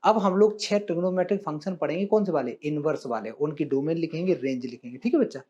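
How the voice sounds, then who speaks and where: A man's voice: fairly high pitch, fast, dark tone, highs cut off. A male maths teacher, lecturing a live class in a classroom. He coaxes his students along, keeps checking that they follow, and calls them "beta" and "bachcha". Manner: coaxing, addresses students as beta and bachcha, asks questions.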